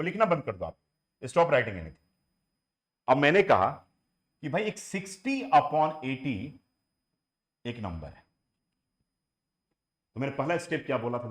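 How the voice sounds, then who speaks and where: A man teaching a maths lesson, coaxing his students and repeating each step, mixing in English phrases. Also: medium pitch. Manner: coaxing and repetitive, mixes Hindi with English phrases. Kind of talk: classroom lecture.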